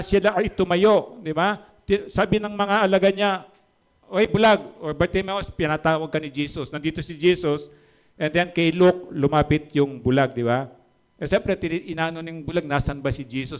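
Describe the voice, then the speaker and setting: A man preaching a sermon, switching between quiet storytelling and loud, high-pitched emphasis. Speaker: pastor.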